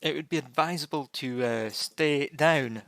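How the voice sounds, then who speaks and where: A man running a tabletop game as game master, improvising in a halting way. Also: fairly high pitch, vocal fry, a bit bright, no room sound.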